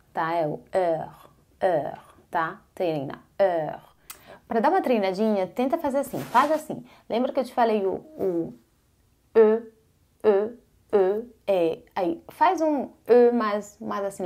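Woman French teacher, slow unhurried delivery, mellow tone, casual and encouraging, drills pronunciation. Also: medium pitch, lively intonation. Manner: slow careful pronunciation drills, repeating words; casual encouraging, addresses viewer directly. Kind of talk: online language lesson.

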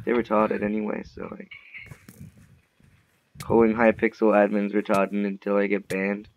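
A man's voice: lowish voice, monotone, moderate pace. A man chatting casually while playing a game, swearing and teasing his opponent. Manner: swearing, trash-talking, teasing. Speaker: gamer recording a Minecraft video. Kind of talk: casual gaming chat. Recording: dull muffled mic with faint noise.

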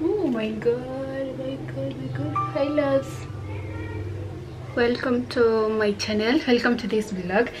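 With music playing in the background, a young Kenyan-accented vlogger talks to her viewers from a small room at home. Her voice is on the high side and slow-paced, and she slips Swahili words into her casual English chat.

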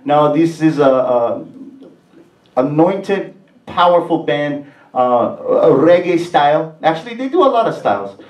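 Middle-aged pastor, Hawaiian Pidgin lilt, chatty and upbeat, roomy theater sound, heard from a distance. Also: male voice, fairly high pitch, big pitch swings, a little slow, a little mellow, dull audio. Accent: Hawaiian Pidgin-tinged English. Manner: upbeat, chatty, laughing asides. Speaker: pastor and worship leader. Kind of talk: church announcements. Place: stage of a large movie theater used as a church. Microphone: handheld mic on a stand, far camera.

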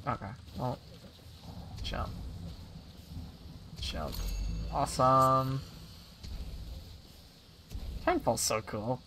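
A young man with a gravelly, fried edge to his voice, commentating his game at an unhurried pace. He is excitable and giggly, thinking out loud between bursts of delight, with faint hiss behind. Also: medium pitch. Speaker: streamer. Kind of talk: casual gameplay commentary.

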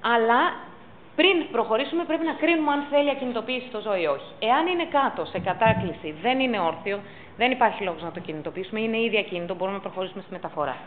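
A woman's voice: on the high side, expressive, narrow, tinny audio, a little hiss or hum. A woman teaching pet first aid at a public talk, stressing and repeating her key points. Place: council chamber.

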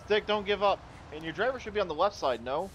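A man's voice: high-pitched, animated, fast, fairly bright tone, a little hiss or hum. A man playing a driving game with friends, teasing his buddy in running commentary. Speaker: co-op gaming friend. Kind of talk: casual gaming chat.

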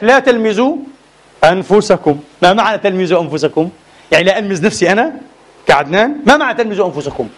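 A man delivers a religious lecture in a high voice. He talks quickly and presses his case with rhetorical questions, then slows down to stress quoted verses. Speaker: Islamic scholar lecturing.

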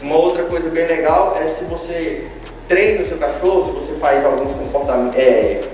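In a big, strongly reverberant room, a man with a Brazilian accent talks through a dog-training lesson at some distance from the mic. His voice sits on the higher side, and he explains each step informally, repeating phrases to stress them. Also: normal speed, a little mellow. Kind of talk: informal instructional demonstration. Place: large bare tiled room indoors. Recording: very echoey room, distant mic, background music.

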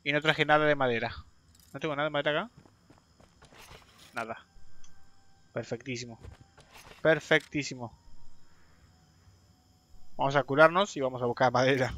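Very fast and a bit bright, the slightly high voice belongs to a young game streamer from Argentina. He chats live with his viewers as he plays, swearing and yelping when a fight goes badly.

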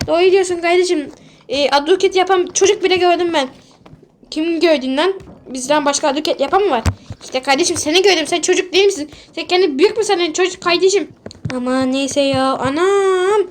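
A woman role-playing panicky, excitable commentary over a sandbox game. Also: very high voice, brisk, a little hiss or hum. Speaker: gaming video creator.

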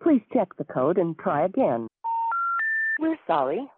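A woman's voice: on the low side, measured pace, husky, no room sound. A woman's recorded telephone intercept announcement, built from spliced-together words and read in a polite, formal manner. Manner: polite, even, formal phrasing. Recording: tinny phone line with loud hiss.

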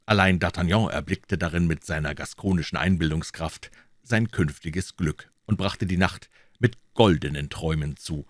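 A man narrating a classic novel as an audiobook reader in a calm, measured voice. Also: no room sound, clean studio sound. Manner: calm, measured, deep reading voice.

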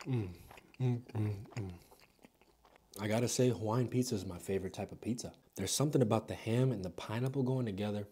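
A man's voice: fairly low pitch, brisk, breathy edge. Man talking with his mouth full. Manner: relaxed, chatty, talking between bites. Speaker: mukbang vlogger. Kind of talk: casual mukbang vlog. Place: in Germany.

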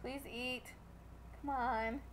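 A woman's voice: sits high, fairly even intonation, drawn-out words, a little hiss or hum. A young woman casually commentating her gameplay and chatting to the characters on screen as she plays. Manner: chatty, talking to the game characters. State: pregnant, hot. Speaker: gaming video creator.

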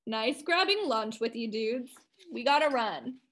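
A woman's voice: on the high side, expressive, a little slow, a bit bright. Woman doing an easygoing schoolboy.

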